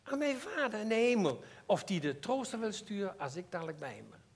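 Speaking with a Limburg Dutch accent, this preacher gives a heartfelt, personal sermon that moves from loud emphasis to quiet asides. His voice sits high with a sing-song lilt, and he talks fairly quickly.

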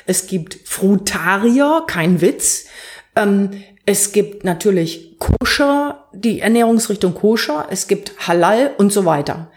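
A woman's voice: medium pitch, animated, slow pace. A woman hosting a podcast, presenting and chatting in a structured, explanatory way with vivid examples. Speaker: podcast host.

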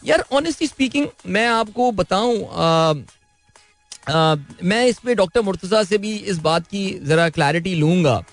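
Breezy Pakistani-accented morning host. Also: male voice, high-pitched, lively intonation, slow, faint music behind. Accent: Pakistani Urdu. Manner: breezy, chatty and informal. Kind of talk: live morning show chat.

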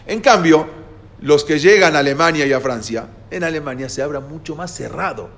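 A man with a fairly high, slightly bright voice teaches a class lecture at a brisk pace. He explains step by step, hesitating at times and often checking in with listeners by asking "¿no?" and "¿sí?"

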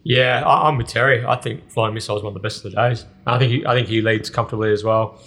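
An Australian man hosting a racing podcast, running through the field in a steady, chatty way. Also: lowish voice, fast. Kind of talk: casual racing preview chat.

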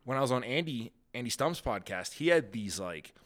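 A man's voice: mid-range voice, animated, moderate pace, a bit bright. A man in his thirties hosting a casual podcast, rambling and laid-back, laughing easily. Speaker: podcast host. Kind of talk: casual chat.

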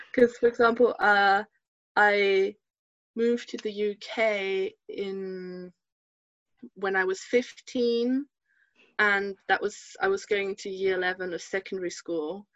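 Speaking slowly in a steady, medium-pitched voice with a slight brightness, this podcast guest is a German woman in her twenties. She hesitates often in the casual interview chat, using many fillers and starting sentences over. The audio is dry and somewhat dull.

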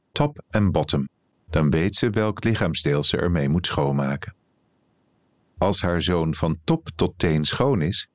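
A man, an editor, reading a written reportage aloud in calm, even scripted narration. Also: low voice, no echo.

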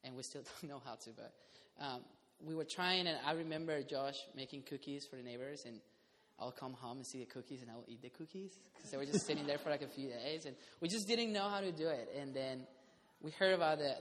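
A man's voice: medium pitch, brisk, few pauses, a bit bright. Laughing young man in a reverberant room. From Costa Rica. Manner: laughing often, rambling with fillers. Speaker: community house resident. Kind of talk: casual group conversation. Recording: reverberant room, faint noise.

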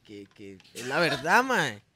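A man's voice: medium pitch, huge pitch swings, slow pace, a crowd in the background. A man with a Costa Rican accent in a casual podcast chat, joking and restarting his sentences.

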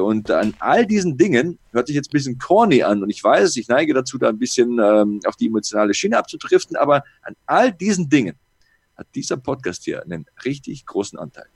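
A man's voice: medium pitch, husky, no room sound. A man in his late thirties co-hosting a podcast, talking earnestly and reflectively in casual chat. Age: 30s. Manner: reflective, earnest, listing things off. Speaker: podcast co-host.

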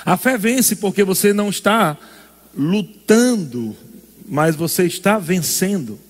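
A man's voice: high voice, expressive, takes it slowly, long reverb tail. A male pastor preaching a sermon in an emphatic call-and-response style.

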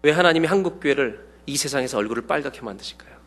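A man preaching a sermon, acting out dialogue with sudden loud bursts to his congregation. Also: mid-range voice, animated, very fast. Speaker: pastor. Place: church sanctuary. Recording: long hall reverb.

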